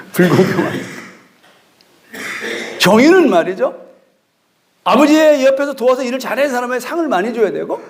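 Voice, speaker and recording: A man's voice: extremely high pitch, lively intonation, quick pace. A man preaching a sermon as pastor, telling a story with acted dialogue and calling out to the congregation. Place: church sanctuary.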